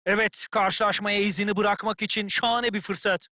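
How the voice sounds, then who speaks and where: An actor playing an opinionated football pundit in a video game, giving analytical colour commentary in full sentences. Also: male voice, sits high, steady tone, normal speed, sharp tone, no room sound, clean studio sound. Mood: assessing.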